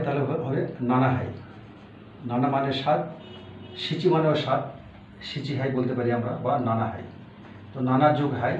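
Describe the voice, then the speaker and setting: A man teaching a language lesson, explaining step by step and repeating each word slowly, with fillers. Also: medium pitch. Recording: echoey room, far from the mic, dull with faint hiss.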